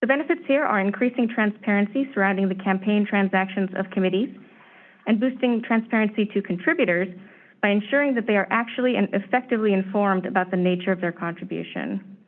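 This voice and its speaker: A formal, prepared briefing on proposed legislation is read by a woman serving as staff presenter at a commission meeting. Her medium-pitched delivery stays steady and measured, with some throat-clearing and slight hoarseness. Tinny phone-line quality colors the recording.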